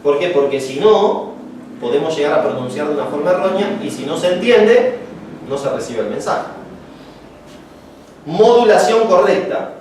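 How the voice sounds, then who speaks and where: A little high and slightly mellow, this man's expressive voice moves at normal speed with frequent pauses as he teaches homiletics. He's chatty and joking, acting out short stories for the class. The recording comes from a distance in an echoey room, with slight background noise.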